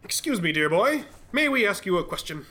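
A man acts out a scatterbrained radio-play detective who puts on airs but panics easily. The voice is bright and lively, with a wide, sing-song swing in pitch. He talks in a theatrical, self-important way. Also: brisk, exaggerated voice. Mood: pompous. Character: cowardly, pompous, scatterbrained male sleuth. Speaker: bumbling detective in a radio-drama parody. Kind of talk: 1940s radio acting.

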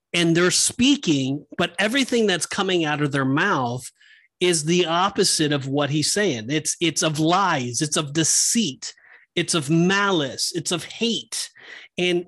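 A man's voice: a little high, a bit bright, no room sound. Earnest man explaining scripture. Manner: earnest explaining, fond of slang, laughs at himself. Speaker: podcast co-host. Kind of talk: casual Bible study chat.

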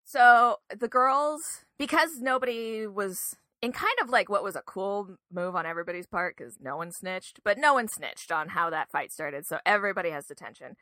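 Bright chatty woman recapping a film. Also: medium pitch, lively intonation, moderate pace, hardly any pauses, no room sound. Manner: chatty plot recapping, giggly. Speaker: podcast co-host. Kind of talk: casual movie review chat.

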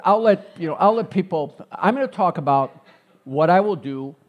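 Middle-aged man, earnest interview guest, repeats his points, voice sits a bit high. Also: animated, normal speed, lo-fi sound. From Chicago, United States. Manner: earnest, repeats phrases, stump-speech rhythm. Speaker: mayoral candidate guest. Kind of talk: radio talk interview.

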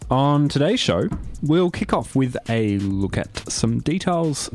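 A man's voice: mid-range voice, sing-song, slow, a little mellow, faint music behind. A man hosting a casual tech radio show in a studio, chatty and hesitant with many fillers. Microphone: studio mic.

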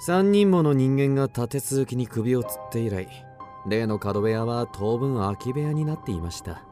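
A man acts out an agitated, obsessed narrator in a radio mystery drama. His mid-pitched voice swings widely and theatrically, building suspense. Music plays behind him. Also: expressive, moderate pace, warm tone, close to an everyday voice. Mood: ominous recounting.

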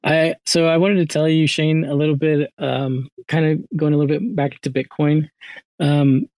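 A man's voice: fairly high pitch, fairly even intonation, moderate pace, darkish tone, dry recording. A man hosting a casual interview chat, talking in a hesitant way as he searches for his words. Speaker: host.

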